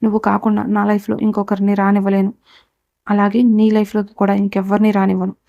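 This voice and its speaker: A woman voicing an obsessive, scheming young woman who threatens violence in a calm, level voice. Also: mid-range voice, fast talker, creaky, no room sound, lightly acted. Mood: obsessive, threatening. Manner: menacing, vows violence calmly. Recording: dull, dry recording.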